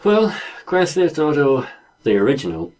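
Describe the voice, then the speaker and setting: A man's voice: a little high, big pitch swings, normal speed, darkish tone, rough recording. A man co-hosting a podcast, telling stories and musing in casual chat with light laughs. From Scotland. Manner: thoughtful, storytelling, light laughs. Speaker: podcast co-host.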